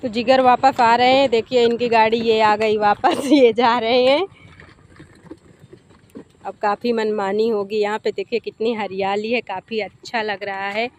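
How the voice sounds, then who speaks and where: A woman's voice: mid-range voice, a little hiss or hum. Chatty woman vlogging about home life. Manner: chatty, addresses viewers as friends. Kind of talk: casual home vlog narration. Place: outdoors then home kitchen.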